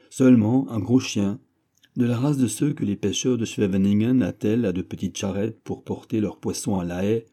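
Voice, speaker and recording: A man reading a classic novel aloud as an audiobook, steady and measured. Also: fairly low pitch. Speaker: audiobook reader. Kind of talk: scripted narration of a classic novel.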